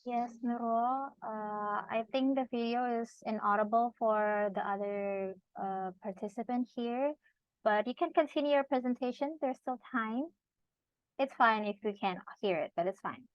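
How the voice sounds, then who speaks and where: A woman moderating an online seminar, politely directing speakers and filling pauses with "uh". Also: a little high, dry recording. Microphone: video call. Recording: slightly muffled, dry call audio.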